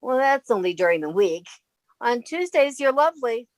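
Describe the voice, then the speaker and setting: Wry, animated woman roommate, acted by a woman. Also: on the high side, normal speed, no echo. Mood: wry, coaxing. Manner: wry, practical. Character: sensible, wry female roommate with dry wit. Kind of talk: old-time radio comedy acting.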